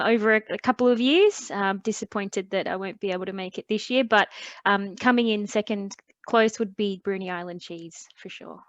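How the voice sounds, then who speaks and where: Woman, panelist, measured and wry, dry dull remote audio. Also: mid-range voice, dry recording.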